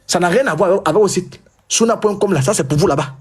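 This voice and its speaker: A man hosting a heated live debate, talking loudly and insistently and repeating himself. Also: high-pitched, quick pace, husky.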